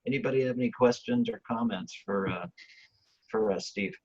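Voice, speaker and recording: A man's voice: mid-range voice, moderate pace, darkish tone. Guy running a club meeting, lots of uhs, kinda muffled call audio. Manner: casual, filler-heavy. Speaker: club vice president. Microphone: video call.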